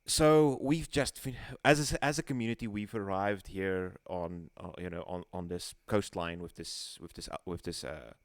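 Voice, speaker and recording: A man guiding a casual streamed tabletop game, rambling and halting with many restarts. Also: low voice, no room sound, studio quality. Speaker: game facilitator.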